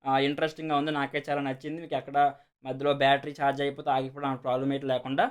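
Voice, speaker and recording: A man with a medium-pitched, smooth voice and a Telugu accent talks rapid-fire in a level tone. He casually explains and demonstrates a product as a video host, often repeating himself and working in lots of English words.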